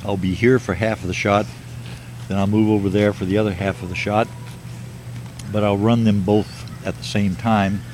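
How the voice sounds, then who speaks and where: An older man slowly musing in a plain, matter-of-fact way while filming himself outdoors. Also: fairly low pitch, flat delivery, darkish tone. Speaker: video maker. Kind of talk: rambling self-filmed monologue. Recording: noisy outdoor video clip.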